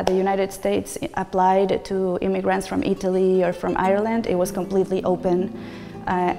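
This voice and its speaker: Argentine woman talking in a bright gallery. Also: mid-range voice, in a large hall. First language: Spanish. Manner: earnest, reflective, gestures as she talks. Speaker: visual artist. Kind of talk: gallery talk to camera. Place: large bright art gallery indoors.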